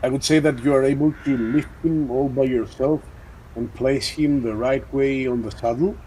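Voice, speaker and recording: A man narrating a tabletop role-playing game as game master, measured and descriptive. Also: medium pitch, steady tone, warm tone, slight background noise, poor audio.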